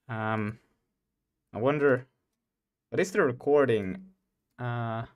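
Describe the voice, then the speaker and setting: Giggly and talkative, a young Swedish-speaking guy who streams game development chats casually with his viewers, rambling and laughing often in his mid-pitched voice.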